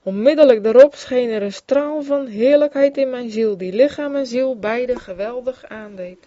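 A woman's voice: a little high, normal speed, dark tone, no echo. A woman reading aloud an old devotional memoir, in an earnest tone that grows fervent in its exclamations. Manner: earnest, with rising fervor in exclamations. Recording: dull, dry lo-fi recording.

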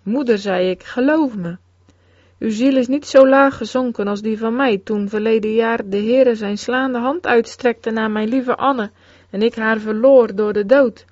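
A woman giving a solemn, measured scripted narration of a religious memoir. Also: a little high, darkish tone, dry recording. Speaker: reader. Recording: dull, dry close recording.

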